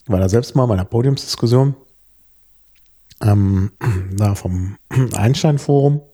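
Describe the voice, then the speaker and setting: A man talks in a relaxed, lecturing way, stopping often for fillers and wandering into side topics. His voice is mellow and a little husky. He sounds steady and unhurried. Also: on the low side. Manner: explains at length with many fillers and pauses; lecturing, digresses into etymology. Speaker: podcast co-host. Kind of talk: casual chat about bread and word origins.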